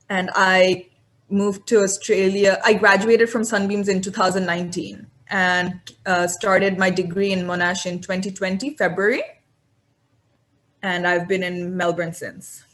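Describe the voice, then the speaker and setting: Young woman from Bangladesh, student panelist, thoughtful, pauses often, mid-pitched voice. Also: little pitch movement, a bit bright. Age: young adult. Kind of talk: answering interview questions.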